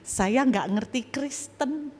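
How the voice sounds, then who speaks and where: A woman's voice: sits high, slow, darkish tone. A woman pastor giving a testimony sermon in a church auditorium, telling her story animatedly with sound effects and asides to the congregation. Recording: reverberant church hall.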